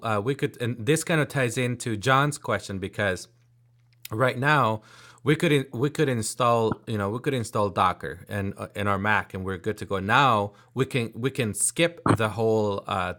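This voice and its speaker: Man, lower voice, casual tech-chat host, hesitant and curious. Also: a bit bright. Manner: halting, many fillers and restarts, inquisitive.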